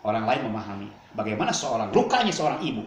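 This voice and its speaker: A man preaching a storytelling sermon to a congregation in a dramatic, animated way. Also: fairly low pitch, fast, a little hiss or hum. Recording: echoey room, faint ambience.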